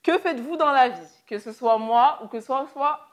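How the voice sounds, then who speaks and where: A young woman from France co-hosting a casual question-and-answer chat with her father, leading the questions in a lively way. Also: high voice, moderate pace. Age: young adult. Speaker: co-host.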